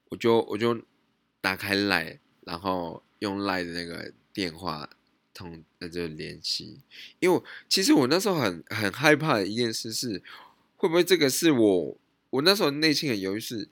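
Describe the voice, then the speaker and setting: A man's voice: on the low side, no room sound. A man with a Taiwanese Mandarin accent hosting a podcast, telling a personal story in a hesitant way with many restarts. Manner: hesitant, lots of restarts and self-questioning. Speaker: podcast host. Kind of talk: casual solo storytelling.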